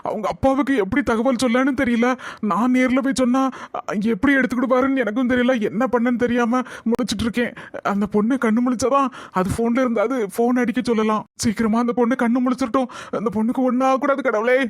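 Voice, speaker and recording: A man acting a kind young husband in a family drama skit, earnest and explaining things gently. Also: very high-pitched, steady tone, fast talker, dry recording. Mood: worried.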